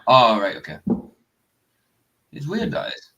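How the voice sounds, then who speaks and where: A man's voice: mid-range voice, huge pitch swings, measured pace, gravelly, bright, forceful tone, lo-fi sound. A Scottish man from the northeast of Scotland hosting a livestream, chatting in a rambling way and laughing often. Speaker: livestream host. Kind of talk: casual chat.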